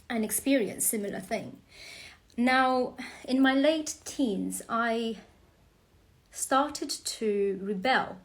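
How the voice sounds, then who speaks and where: A woman in her forties from Romania hosts her first live stream, speaking slowly and hesitantly with many fillers. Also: mid-range voice. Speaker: host.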